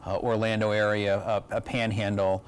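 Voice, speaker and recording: Low-voiced halting man, election night analyst. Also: flat delivery, a little hiss or hum. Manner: halting, fragmented delivery.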